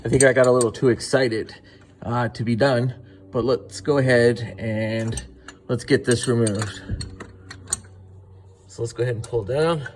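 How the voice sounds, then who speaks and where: Brief: young adult man, mid-pitched, easygoing how-to narration over faint shop noise. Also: unhurried, pauses often. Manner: relaxed, step-by-step, frequent fillers. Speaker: car DIY video host. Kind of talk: casual how-to narration while working. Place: home garage workshop.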